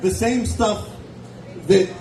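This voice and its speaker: At an indoor nightclub, a comic in his forties holds a handheld mic and speaks slowly in a high, creaky, darkish voice. His set is sardonic, laced with wry asides and chat with the crowd. Recorded from a distance, the sound is echoey with background noise.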